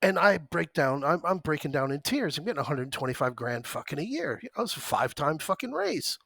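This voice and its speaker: A man in his forties tells a rambling, profanity-laced story from his home desk, cutting away now and then to read off stock prices. His voice sits a little high for a man. The sound is dry and close, with no room echo. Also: big pitch swings, a little fast, gravelly, a bit bright. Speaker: options trading stream host. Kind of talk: livestream storytelling mixed with market commentary.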